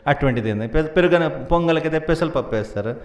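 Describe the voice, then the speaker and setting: A man's voice: a little high, expressive, quick pace, echoey room. A man preaching a devotional story in a playful way, laughing often and acting out the characters.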